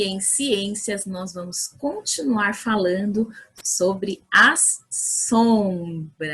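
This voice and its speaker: A Brazilian woman teacher talks small children through a recorded video lesson. Her voice is bright and a little breathy and sits slightly high, rising and falling widely. She moves slowly and patiently, counting out loud with cheerful encouragement. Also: poor audio. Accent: Brazilian Portuguese. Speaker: primary school teacher.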